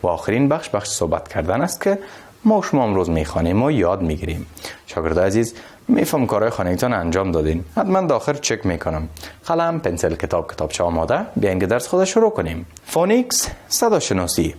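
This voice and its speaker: Lively man teaching English. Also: low voice. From Afghanistan. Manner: slow, drawn-out delivery with Dari explanations. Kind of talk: bilingual classroom lesson.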